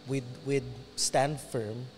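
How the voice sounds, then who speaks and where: A man's voice: mid-range voice, steady tone, very slow, over music. A man, a pastor, chatting in a casual discussion and often mixing English phrases into his sentences. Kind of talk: casual chat.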